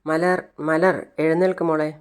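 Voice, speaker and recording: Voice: mid-range voice, flat delivery, normal speed, clean tone, close to an everyday voice. A narrator voicing a caring young woman who coaxes and insists, acted in an everyday voice while retelling a serial. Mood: firm. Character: caring young woman, gentle but firm carer.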